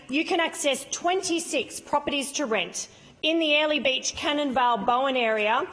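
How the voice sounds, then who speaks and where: An Australian woman with a high voice speaks as an opposition politician in parliament. She is emphatic and rhetorical, repeating key phrases to drive them home. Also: fairly bright tone, low-quality recording. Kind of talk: parliamentary speech. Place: parliamentary chamber.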